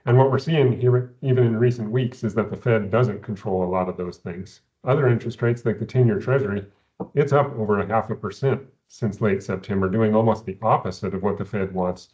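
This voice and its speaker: A man, an investment adviser, explaining economics in a measured way, often repeating words at the start of phrases, heard over a video call. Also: lowish voice, a little mellow, lo-fi sound. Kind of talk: explaining economics in a recorded company Q&A.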